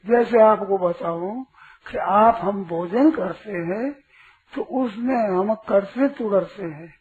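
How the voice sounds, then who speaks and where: Acting as a teacher, this man gives a spiritual talk to his listeners, throwing out rhetorical questions and firmly setting a questioner straight. His voice sits high and sounds slightly mellow, and he speaks slowly. Faint hiss runs through the tinny, lo-fi audio.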